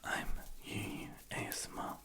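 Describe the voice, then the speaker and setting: A young adult speaking in a soft, breathy, unvoiced whisper, rambling hesitantly and self-deprecatingly to the viewer in an ASMR style. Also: moderate pace. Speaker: ASMR video creator. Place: small room in a house at night.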